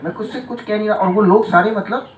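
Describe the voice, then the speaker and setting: A male teacher telling a funny story to his class, animated and chuckling, often checking that students follow. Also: high-pitched, fast. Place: large classroom or hall with students. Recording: echoey hall from far off with loud crowd. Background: students laughing and chiming in.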